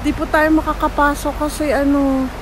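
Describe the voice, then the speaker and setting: A woman's voice: high voice, flat delivery, fast, noisy background. A Filipino-accented woman vlogging on a snowy winter trail, chatting politely as she switches between English and Tagalog. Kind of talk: casual travel vlog.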